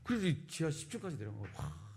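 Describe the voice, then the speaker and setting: A man's voice: fairly low pitch, wildly swooping pitch, fast talker, gravelly, darkish tone, husky. A middle-aged male pastor telling a personal story in a sermon, acting out the voices of the people in it. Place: church sanctuary.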